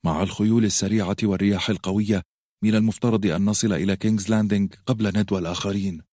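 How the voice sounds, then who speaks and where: A man's voice: lowish voice, fairly even intonation, very fast, dark tone, dry recording, clean studio sound, natural voice. A man voicing a resolute noblewoman who speaks firmly and decisively. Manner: firm, decisive. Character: resolute noblewoman mother, firm.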